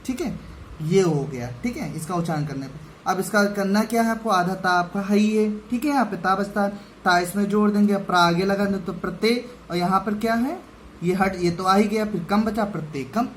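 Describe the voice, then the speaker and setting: A man teaching a grammar lesson to school students, patient and step by step, often pausing to check that they follow. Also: high voice, slight background noise.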